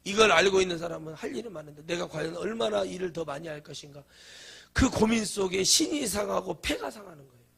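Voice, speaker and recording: A male pastor delivering a sermon, swinging from hushed asides to loud shouted declarations. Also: high voice, lively intonation, quick pace, creaky.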